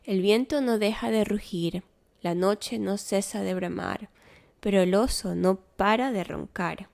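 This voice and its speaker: Woman, children's story read-aloud, very slow, gentle rhythm, gravelly. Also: medium pitch. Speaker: storybook reader.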